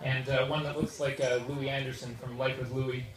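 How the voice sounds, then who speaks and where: A Canadian man giving a humorous best man wedding toast in an informal, joking, halting way. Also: medium pitch, little pitch movement, a crowd in the background. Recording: echoey noisy room, far from microphone. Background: loud audience noise and laughter.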